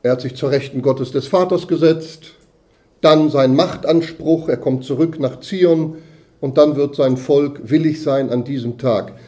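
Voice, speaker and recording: A man preaching a sermon in a conversational way, often tagging lines with quick "ja?" asides and swelling then dropping his voice for emphasis. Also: mid-range voice, dark tone.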